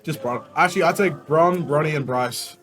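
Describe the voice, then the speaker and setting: A man's voice: fairly high pitch, normal speed, fairly bright tone. A young man hosting a food challenge with casual, blunt, chatty banter. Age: young adult. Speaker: host asking questions in a food challenge.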